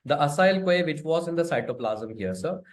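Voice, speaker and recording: A man's voice: fairly high pitch, animated, brisk. A man with an Indian accent giving an informal exam-prep biochemistry lecture, emphatic and repetitive, slipping between English and Hindi and tagging phrases with questions.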